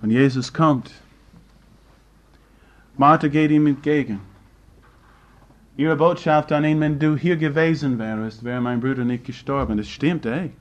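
A man preaching a sermon in slightly broken German, firing rhetorical questions at the congregation and swinging between loud and hushed. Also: medium pitch, a little slow, pauses often, highs cut off.

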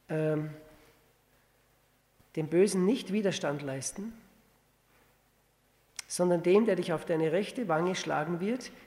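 A man preaching a sermon, teaching with rhetorical questions and reading scripture slowly and deliberately. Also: sits high, a little mellow. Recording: long reverb of a hall.

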